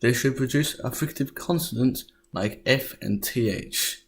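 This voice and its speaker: In scripted narration, a man delivers a history lesson, sounding out words carefully and stumbling now and then. His voice sits at a medium pitch, with a little background noise audible.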